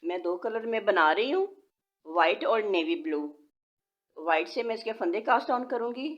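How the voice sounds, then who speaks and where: A woman with a mid-range voice and lively intonation speaks at a moderate pace, hosting a knitting tutorial. She patiently gives step-by-step instructions and counts stitches aloud, her voice slightly changed by a sore throat, in a dull lo-fi home recording.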